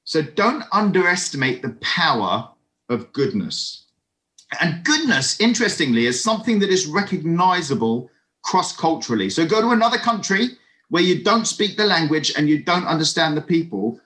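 A man giving a lively, conversational sermon over an online video call, with friendly asides to his listeners. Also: a little high, moderate pace. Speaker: preacher.

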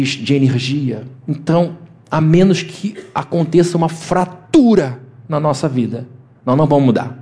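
A man preaching a sermon as pastor in a conversational way, acting out quoted voices with sudden jumps in pitch. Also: dark tone.

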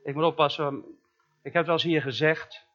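A man in the role of pastor delivers a sermon with a high, bright, forceful voice. He keeps it chatty, asks the listeners questions and leans hard on key words. The recording sounds a little dull and lo-fi. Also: steady tone. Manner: emphatic preaching, slows down for key words.

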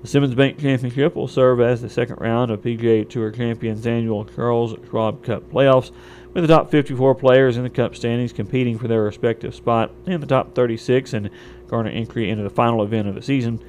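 A man's voice: medium pitch, fairly even intonation, fairly quick, darkish tone, a little hiss or hum. A man reading a scripted local radio sports and weather newscast as a station announcer. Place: radio studio.

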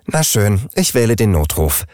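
A man's voice: fairly low pitch, big pitch swings, normal speed, a little mellow, no echo, studio quality. A man reading an audiobook, voicing an earnest, worried smart refrigerator. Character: anxious smart fridge, worried leader.

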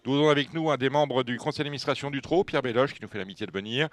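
Man, radio host, horse racing show, chatty, jokey, middle pitch. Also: racing, no room sound. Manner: chatty, jokey, leads the talk.

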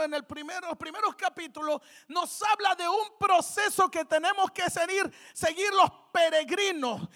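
Give me a fervent woman preacher, bright and slow-paced. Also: very high-pitched. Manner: fervent, shouting out refrains, jokey asides. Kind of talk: sermon. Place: church.

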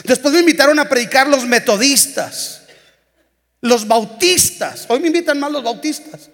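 A man's voice: very high-pitched, lively intonation, normal speed, a bit bright, faint music behind. A man with a Mexican Spanish accent, an evangelist preaching a humorous, storytelling sermon. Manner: storytelling, humorous, singing snippets. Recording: long church hall reverb.

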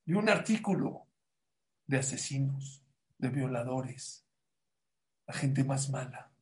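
A man giving a sermon, mixing a story into his teaching, swinging between loud emphasis and hushed asides. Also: mid-range voice, expressive, slow pace, reverberant. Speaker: religious teacher. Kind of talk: sermon with anecdote.

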